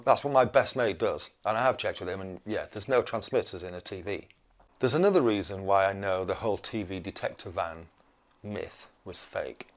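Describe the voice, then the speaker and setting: This British vlogger in his fifties has a low voice and an ordinary speaking speed. He addresses the camera in an opinionated, indignant rant, emphatic and grumpy, leaning heavily on rhetorical questions.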